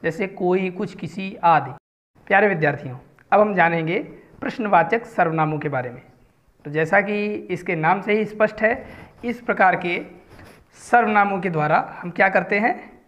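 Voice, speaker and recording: A woman's voice: medium pitch, normal speed, highs cut off. Woman teaching a Hindi grammar lesson. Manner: explains step by step, asks students questions.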